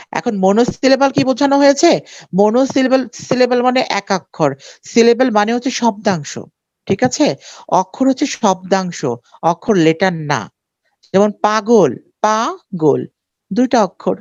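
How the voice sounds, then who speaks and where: A woman's voice: mid-range voice, a little mellow, no room sound, dull audio. Woman teaching a patient online class. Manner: explains patiently, often checks understanding, stretches words syllable by syllable. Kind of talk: live online class lecture.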